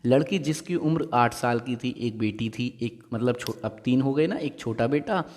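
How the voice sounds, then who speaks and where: In a reverberant room with a long, hall-like echo, a man explains and reads a Hindi story lesson. His voice is mid-range with a darkish tone. He repeats and explains every line and throws in quick checking questions.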